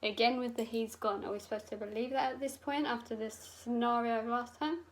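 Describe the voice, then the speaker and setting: A woman's voice: on the high side, steady tone, quick pace, slight background noise, low-quality recording. A young woman, a makeup artist, telling a story in a chatty, sweary, dramatic way while doing her makeup.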